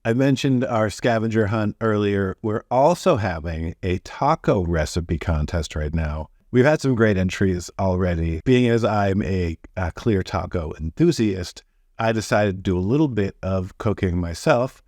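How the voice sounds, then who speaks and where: A man hosts a show in a loose, rambling way, poking fun at himself as he tells stories. His voice sits low and is recorded dry and close, with no room sound. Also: unhurried, darkish tone, dry recording. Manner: rambling, self-deprecating storytelling. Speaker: show host. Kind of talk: casual chat.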